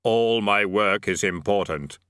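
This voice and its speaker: A man voicing Death, a tall skeletal reaper who speaks slowly, gravely and dryly. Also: lowish voice, fairly bright tone, no room sound. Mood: solemn, dry. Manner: measured, grave, dry.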